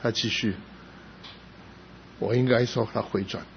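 A pastor with a fairly low, gravelly voice speaks unhurriedly with fairly even intonation, preaching an emotional sermon. His storytelling climbs to loud emphasis before dropping soft, on a slightly dull recording with faint background noise.

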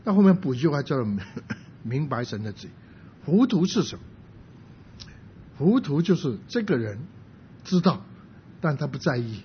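A man's voice: big pitch swings, normal speed, pauses often. A man preaching a sermon, explaining by asking rhetorical questions and now and then dropping in English words. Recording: dull lo-fi sound with faint rumble.

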